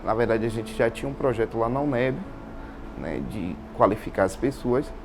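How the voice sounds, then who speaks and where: Speaking at a normal pace in a mid-range voice, this Bahian-accented man from Salvador, Brazil, runs an installation business and shares his personal story casually as an interview guest. He repeats phrases and keeps tacking on tag questions, while background music adds to a noisy backdrop.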